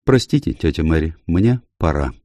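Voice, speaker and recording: A man's voice: sits low, big pitch swings, normal speed, mellow, no room sound. A man voicing a weary, tender young woman who speaks in an affectionate, pleading way.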